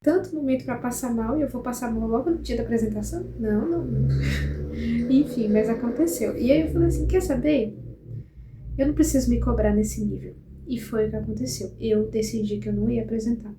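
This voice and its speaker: Young Brazilian woman vlogger, animated storyteller, slightly high voice with a mellow tone. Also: fast talker, reverberant, a little hiss or hum. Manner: chatty, animated retelling with quoted dialogue and frequent tag questions. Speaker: psychology student vlogger. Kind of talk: casual storytelling vlog.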